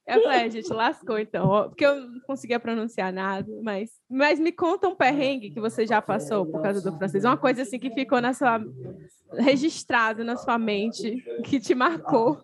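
A woman's voice: fairly high pitch, moderate pace, a crowd in the background. A woman, hosting a casual podcast chat and asking her guest questions. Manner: chatty, asks questions. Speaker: podcast host.

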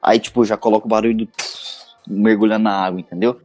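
A Brazilian man with a Brazilian Portuguese accent chats casually as a podcast guest, animatedly acting out little scenes while describing his audio work. He speaks quickly at a fairly low pitch, with faint music in the background.

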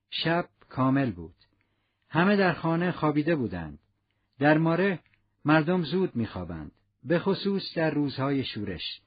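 A man reading a novel aloud as narrator, in a measured storytelling manner. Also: a little high. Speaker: audiobook narrator. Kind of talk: scripted narration. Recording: muffled lo-fi recording.

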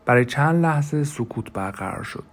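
A man's voice: mid-range voice, lively intonation. A man reading a novel aloud as an audiobook narrator, voicing the characters' lines in everyday spoken style. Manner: reads quoted speech of several characters in a conversational colloquial register. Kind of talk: scripted narration.

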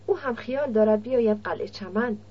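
Guarded young nomad guy, husky voice, bit high, dull lo-fi audiobook sound, a woman reading him. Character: blunt young male nomad camel driver. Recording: dull lo-fi recording.

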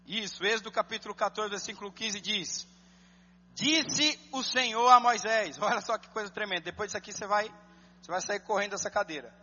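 A Brazilian man preaching a sermon as pastor, moving between calm scripture reading and loud, fervent exhortation, and acting out talks with church members. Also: high-pitched, fairly quick, in a large hall, muffled recording. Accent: Brazilian Portuguese. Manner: acts out dialogue with congregants.

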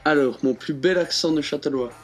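A man's voice: fairly high pitch, faint music behind. A young man, co-hosting a podcast in playful, joking casual chat. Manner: playful, joking, quick to laugh. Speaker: podcast co-host.

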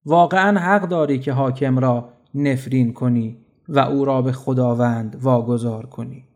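A man's voice: medium pitch, darkish tone, lightly acted. A man voicing a grave and just male ruler in a children's storybook, speaking earnestly. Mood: troubled. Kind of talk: storybook narration.

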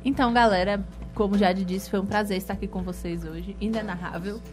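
A woman's voice: medium pitch, fairly even intonation, brisk. Brazilian female radio co-host, mid voice, teasing chatter, faint music behind. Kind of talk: casual banter on a live radio show.

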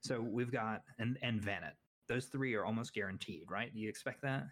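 Young male co-host, lower register, casual and opinionated, self-deprecating. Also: fairly quick, fairly bright tone. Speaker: podcast co-host. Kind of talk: casual sports chat.

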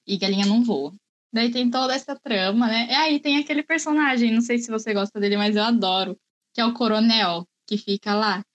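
A woman's voice: a little high, fairly quick, highs cut off. A woman in a casual film discussion, chatty and explaining at length.

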